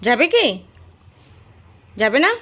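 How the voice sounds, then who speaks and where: A woman's voice: a little high, big pitch swings, slow pace, a bit bright, highs cut off. A mother at home coaxing her small child in a repetitive, sing-song manner. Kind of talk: coaxing baby talk.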